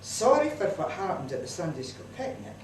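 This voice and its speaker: A woman with a broad Scottish accent tells a comic story as a mother's letter, her pitch swinging up and down in a lively way. She sounds set back from the mic in a roomy community hall, with clear background noise around her. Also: brisk. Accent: Scottish, broad Scots. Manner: lively, chatty Scots dialect delivery. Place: community centre hall, live audience. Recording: distant, roomy live hall recording with noise.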